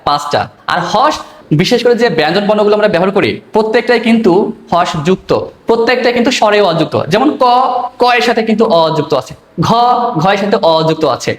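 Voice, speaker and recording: A man's voice: sits high, animated, fast talker, reverberant. A male teacher giving an exam-prep lesson, explaining step by step and asking questions he then answers himself.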